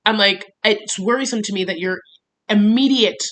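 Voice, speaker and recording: Bright-voiced woman venting in a diary vlog. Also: mid-range voice. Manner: candid, rambling, heavy use of "like"; voice rises and quickens when agitated. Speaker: vlogger.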